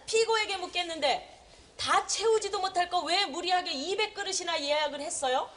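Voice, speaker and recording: Very high-pitched scolding comic woman. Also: moderate pace, a bit bright, a little hiss or hum. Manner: indignant, scolding, comic accusation. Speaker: comedy sketch lawyer. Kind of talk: comedy courtroom sketch.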